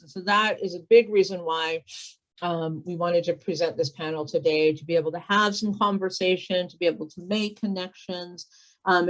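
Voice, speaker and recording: A woman moderating a community panel discussion, speaking in a measured way with frequent pauses. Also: fairly low pitch.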